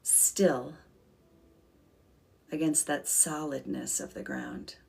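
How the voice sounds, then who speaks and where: A woman with a low voice leads a calm grounding meditation at a slow pace. Her delivery is gentle and soothing, with a crackle of vocal fry and long pauses between short phrases. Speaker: guided meditation leader.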